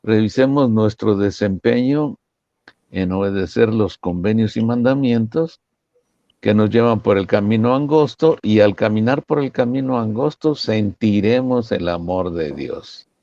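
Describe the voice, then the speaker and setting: Un hombre con acento mexicano que comenta temas religiosos en una charla, contando anécdotas con muchas preguntas retóricas. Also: male voice, fairly low pitch, measured pace, no echo, muffled recording. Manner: lively, lots of rhetorical "¿no?" and "¿verdad?". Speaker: church member commenting. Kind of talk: religious discussion, storytelling.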